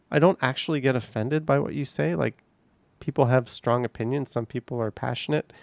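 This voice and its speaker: A Canadian man with a mid-range, creaky, darkish voice hosts a casual livestream from home, with no echo. Reading chat, he rambles easily with his viewers, chatty and quick to laugh.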